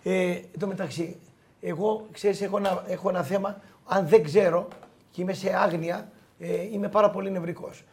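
A middle-aged man telling anecdotes in a casual chat, animated, quoting people and laughing often. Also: high voice. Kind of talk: casual storytelling.

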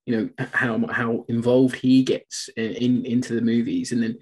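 A man co-hosting a podcast, chatty and telling stories with animated quoted asides. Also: medium pitch, moderate pace, husky. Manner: chatty storyteller, animated quoting. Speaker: podcast co-host. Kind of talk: casual podcast chat.

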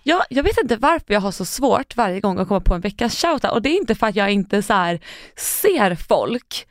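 A woman's voice: mid-range voice, big pitch swings, dry recording, studio quality. A woman co-hosting a casual podcast, giving short, supportive reactions and then talking at length in an easygoing way. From Sweden. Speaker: podcast co-host. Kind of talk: casual chat.

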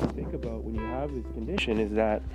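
Low-voiced man talking while walking. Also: fairly quick, loud music behind the voice. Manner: candid, rambling delivery with repeated false starts. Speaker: podcast host. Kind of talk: casual personal monologue. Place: outdoors in the woods, on a walk.

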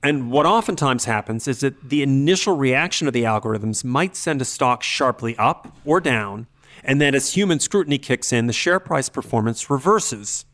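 Lively intonation and a fairly bright tone mark this medium-pitched male voice. He is an expert podcast host whose explanations are articulate, analytical and measured.

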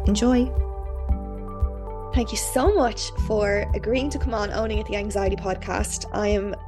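An Irish woman speaks as a podcast host. Her voice is average in pitch. She talks to listener and guest in a chatty, effusive manner. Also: vocal fry. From Ireland. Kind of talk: scripted podcast introduction, then casual interview chat.

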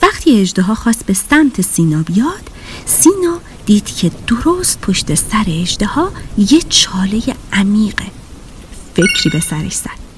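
Animated woman telling a children's story. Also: mid-range voice, slight background noise. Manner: expressive and animated.

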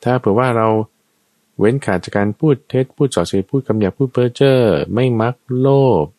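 A man's voice: mid-range voice, fairly quick, darkish tone, no echo. A man teaching Buddhist ethics in a conversational way, going point by point with everyday examples. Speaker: dharma teacher.

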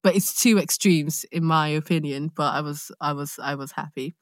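A young London woman, an actor appearing as a podcast guest, chats casually and tells animated stories in a candid, slangy way. Her voice is deep with fairly even intonation at a normal speed, recorded in clean studio sound with no echo.

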